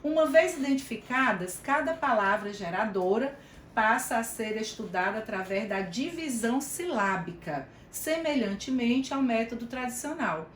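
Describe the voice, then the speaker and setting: A woman's voice: fairly high pitch, expressive, normal speed. Brazilian woman trainer, chatty lecture over a video call, roomy echo, faint hum behind. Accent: Brazilian Portuguese. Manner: warm explanatory, chatty asides, addresses listeners by name. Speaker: teacher trainer.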